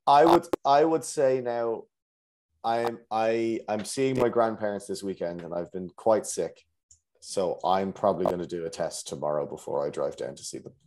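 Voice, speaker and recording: A man co-hosting a podcast, trading dry, deadpan quips in casual banter. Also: fairly low pitch, normal speed, rough recording. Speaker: podcast co-host.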